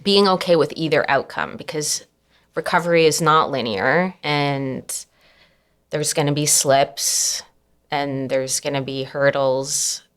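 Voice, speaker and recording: A young adult woman speaking as an interview guest, soft-spoken and reflective, with many fillers and nervous little laughs. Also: low voice, slow, clean tone. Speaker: anonymous guest. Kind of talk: candid personal interview.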